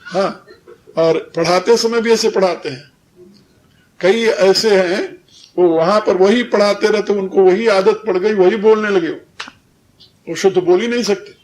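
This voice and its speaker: Man, older, high voice, slow, didactic, spiritual discourse. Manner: slow, didactic, repeats and drills words, chuckles. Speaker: spiritual teacher. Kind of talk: devotional discourse on Sanskrit pronunciation.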